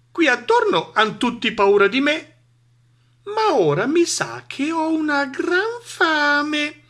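A man voicing a small, clever, boastful male mouse in a storybook reading, in a high squeaky voice. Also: fairly bright tone, full character voice. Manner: high squeaky, quick-witted, bragging.

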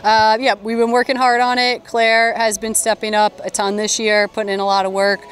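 A woman coach giving a postgame interview outdoors at a stadium, speaking into a handheld mic in a measured, upbeat way with frequent ums. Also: a little high, little pitch movement, a bit bright, slight background noise. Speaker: head coach. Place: outdoor stadium by a sports field. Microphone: handheld interview mic held in front.

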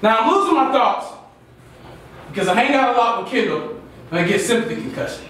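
Male coach, halftime pep speech: bright, hard-driving, shouted commands, noisy distant room recording. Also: extremely high pitch, animated, a little fast. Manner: exhorting, emphatic, repeating short commands; loud, often shouting. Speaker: basketball coach. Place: indoor locker room. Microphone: far camera. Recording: roomy, distant camera microphone with noise.

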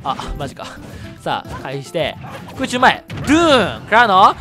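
A man with a Kansai Japanese accent commentating his own fighting game matches, excitable and quick to shout and laugh at big plays. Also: sits high. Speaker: gameplay commentator. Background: background music.

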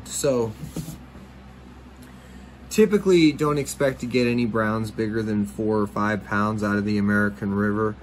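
A man's voice: on the low side, a little hiss or hum, low-quality recording. A man hosting a fishing channel, talking casually in a rambling voice-over with many fillers and restarts.

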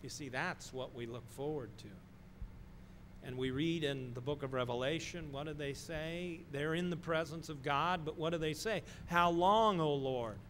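A middle-aged man preaching a sermon in a slow, deliberate way, pausing often and stressing key words. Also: fairly high pitch, fairly even intonation, fairly bright tone, a little hiss or hum. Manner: slow, deliberate delivery with pauses and emphatic stresses. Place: church sanctuary, speaking from a wooden pulpit.

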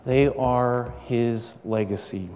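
A middle-aged man giving a prepared formal speech as a university lecturer, measured and earnest, with deliberate rhetorical pauses. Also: medium pitch, fairly even intonation, dark tone. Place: large university auditorium stage. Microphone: gooseneck podium microphone. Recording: echoey hall with long reverb.

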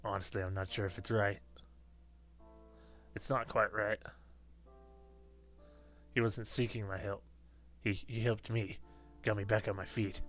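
A man's voice: lowish voice, level tone, measured pace, pauses often, a bit bright, faint music behind. Gamer, man: casual playthrough commentary, reads game text aloud, easygoing.

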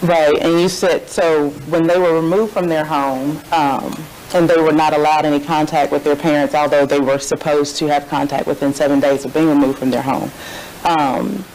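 A woman's voice: deep voice, little pitch movement, moderate pace, darkish tone, slight background noise, poor audio. A woman questioning a witness in a courtroom, hesitant with many fillers but pointed in her questions. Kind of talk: courtroom cross-examination.

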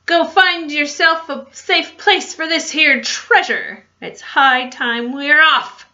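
A woman voicing a loud, boisterous male pirate captain in a storybook reading, with hearty, bellowing pirate talk, on a dull lo-fi recording. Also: high-pitched, takes it slowly, exaggerated voice.

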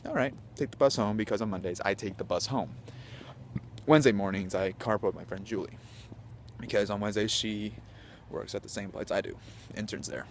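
A young man telling a story to a handheld camera on a city street at night, hyper and animated, dropping to whispers at times. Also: fairly low pitch, brisk, a little hiss or hum. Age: young adult. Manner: hyper, animated, swings between loud and whispering. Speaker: vlogger. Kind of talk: casual storytelling vlog. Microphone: handheld camera at arm's length.

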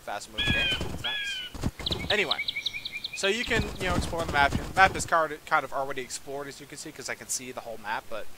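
A man's voice: a little high, wildly swooping pitch, fairly quick, very noisy. A young man giving a casual, rambling walkthrough of a strategy game, full of fillers and self-deprecating asides. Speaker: game tutorial presenter. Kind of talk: casual gameplay commentary.

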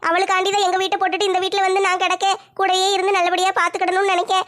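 A woman's voice: extremely high pitch, flat delivery, very fast, fairly bright tone. A woman playing a doting, tearful mother-in-law in a comedy skit, fretting and pleading with a southern Tamil Nadu accent. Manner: fretful, pleading.

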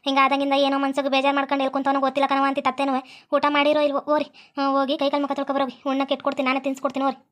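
A woman with a North Karnataka Kannada accent voicing a forgiving wife in a cartoon, soothing her husband and scolding him gently. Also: high voice, completely flat delivery, very fast. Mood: fussing. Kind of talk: hobby cartoon voice acting.

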